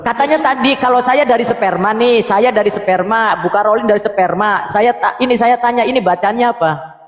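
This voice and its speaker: High-voiced guy debating, keeps repeating himself and saying calm down, roomy echo. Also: normal speed. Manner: insistent, repeats his requests, urges calm. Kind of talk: online debate.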